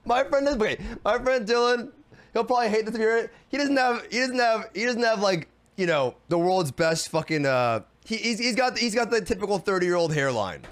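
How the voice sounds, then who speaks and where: A man telling a story casually, profane and exasperated, getting louder and more animated as he goes. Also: sits high, a little fast. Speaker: vlogger.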